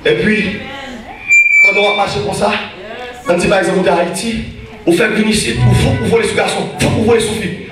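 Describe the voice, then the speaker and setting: Haitian guy preaching, very high voice, shouty and repeats himself a lot, sounds far from the mic. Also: fairly even intonation, brisk, pauses often, loud music behind the voice. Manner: shouting often, repeating phrases. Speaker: evangelist. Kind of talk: preaching a sermon. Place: church sanctuary. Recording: echoey church hall from far off.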